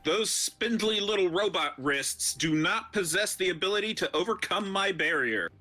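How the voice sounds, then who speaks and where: A man's voice: high voice, lively intonation, normal speed, pushed and bright. A man chatting casually as a player in a tabletop role-playing game. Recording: background music under the voice.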